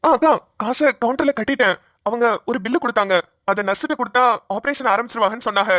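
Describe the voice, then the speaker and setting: A woman voicing a gentle young man. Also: on the high side, fast talker, dry recording, clean studio sound, natural voice. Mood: earnest. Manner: gentle, comforting, affectionate. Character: kind young man comforting family.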